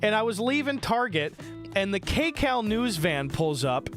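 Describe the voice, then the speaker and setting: A man live-streaming from home, telling a wild story in an excitable, profane rush and tossing in quick voices for other people. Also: sits high, music in the background.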